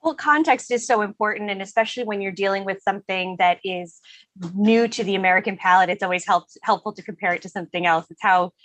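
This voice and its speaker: A woman talks in a casual podcast interview as a guest who founded her own company. She tells stories with animation and restarts her phrases as she goes. Her voice sits at an ordinary pitch and sounds close and dry, with no room echo. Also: fast talker, fairly bright tone.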